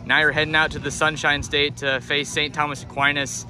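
A male sports interviewer with a very bright, forceful voice, pitched slightly high. He puts his questions outdoors at a football field. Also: little pitch movement, fairly quick.

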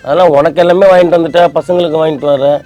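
A man's voice: a little high, steady tone, racing, darkish tone, faint music behind. A man, sulking and complaining in a scripted comedy sketch as a husband. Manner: sulky, whiny complaining.

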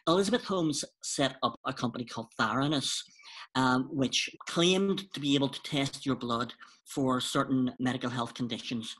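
A man's voice: medium pitch, fairly bright tone, husky. A man hosting a casual chat and giving his opinions in a conversational way. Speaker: host.

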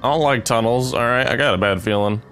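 A man's voice: mid-range voice, fast talker, a bit bright, faint music behind. A man giving casual, sweary commentary as he plays a video game. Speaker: let's player.

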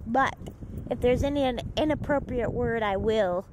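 A woman's voice: fairly high pitch, moderate pace. A woman vlogging casually, talking to her pet in a sing-song voice and to her viewers in a chatty way. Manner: chatty, signs off with blessings. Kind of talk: casual home vlog. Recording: noisy phone recording.

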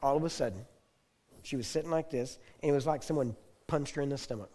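A male preacher with a mellow, darker tone recounts a personal testimony in sermon style. His storytelling is intense, circling back on repeated phrases and building to loud declarations. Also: mid-range voice, fast. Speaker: preacher teaching on healing. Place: teaching hall.

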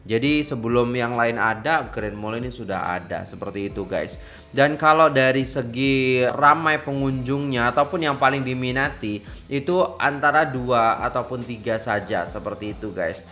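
Male vlogger, 30s, bright tense tone, chatty and exclamatory. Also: medium pitch, moderate pace, soft background music. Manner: chatty, frequent exclamations, addresses viewers as guys. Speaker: reaction vlogger. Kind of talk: casual reaction commentary. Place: small decorated room indoors.

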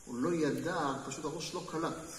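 Rabbi's voice echoing around a hall. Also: male voice, fairly high pitch. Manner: lively storyteller, talks with listeners and asks them questions. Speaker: rabbi giving a weekly Torah class. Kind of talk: storytelling Torah lesson to a live group. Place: hall with a small live audience. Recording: echoey hall, mic far off, faint noise.

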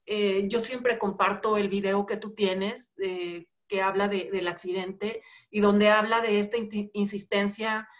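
A middle-aged woman with a Mexican accent hosts an interview in a reflective, conversational way, often pausing on fillers. Her voice sits at a medium pitch for a woman. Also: fairly even intonation. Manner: reflective, with fillers like "este" and "pues". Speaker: host. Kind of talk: casual interview talk.

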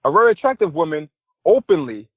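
Husky guy from new york, chatty podcast guest, dry close sound. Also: a little high, fast, dry recording, narrow, tinny audio. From New York City. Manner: animated, acts out quotes of others. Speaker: podcast guest, style coach. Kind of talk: casual interview storytelling.

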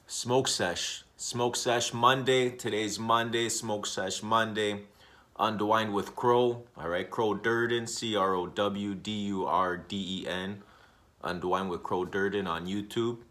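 Low-voiced vlogger in his thirties, loose and repetitive, room webcam sound. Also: slow pace. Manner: rambling, repetitive, relaxed, with many uhs. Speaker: smoking vlogger. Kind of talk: casual smoking vlog. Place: indoor room.

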